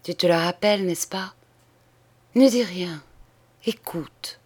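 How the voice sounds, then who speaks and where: A dying woman confesses in a storybook reading, voiced by a woman, her words coming hoarse and broken, one at a time. She half-whispers and pleads slowly, low and soft. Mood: confiding. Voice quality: hoarse, halting broken phrases. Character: dying younger sister confessing in terror, middle-aged woman.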